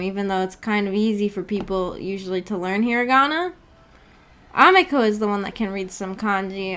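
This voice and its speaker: With a medium-pitched, fairly bright voice, this woman streams a book club from indoors behind an animated avatar. English is her first language, and she chats casually while giggling playfully through viewer comments she reads out.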